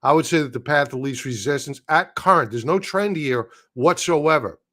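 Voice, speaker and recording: A man hosting a live market stream gives blunt, opinionated takes on charts in casual slang, at a moderate pace. His voice is a little high and sharp in tone, and as he loses it, it goes hoarse and breaks into throat-clearing.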